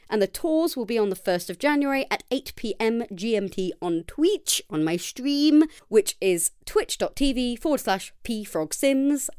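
A woman's voice: a little high, a little mellow, clear, resonant tone, no room sound, studio quality. A woman hosting a casual solo podcast late at night, chatty and self-deprecating, sounding a little tired. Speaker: podcast host. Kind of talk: casual solo podcast reading listener challenges.

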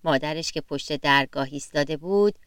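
A woman narrating a children's story gently and expressively, sometimes speaking straight to the young listeners. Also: low-pitched, clear, resonant tone, no room sound.

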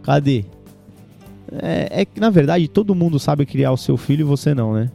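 A Brazilian man talking casually as a podcast guest, telling animated, slangy stories. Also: fairly high pitch, fast talker, vocal fry, soft background music. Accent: Brazilian Portuguese. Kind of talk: casual chat.

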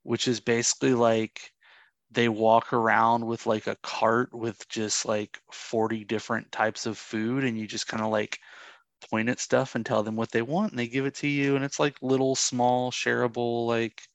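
A man from Florida chats casually on a podcast in an easygoing, rambling way. His voice sits mid-range with a gravelly fry, and the sound is close and dry. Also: medium pitch, little pitch movement, moderate pace, dry recording. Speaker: podcast co-host. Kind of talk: casual chat.

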